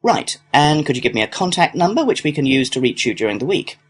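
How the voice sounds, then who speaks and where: A man with a fairly high, slightly rough voice talks fast and sing-song as he reads the part of a complaints clerk. The scripted listening-test dialogue has him courteous, businesslike and helpful, handling the customer in a procedural way.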